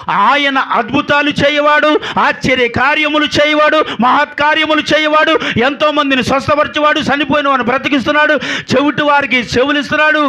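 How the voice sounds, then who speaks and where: A man's voice: very high voice, pushed and bright. A male pastor preaching a sermon, often calling on the congregation to answer back. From Andhra Pradesh. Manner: call-and-response, urging the congregation to answer.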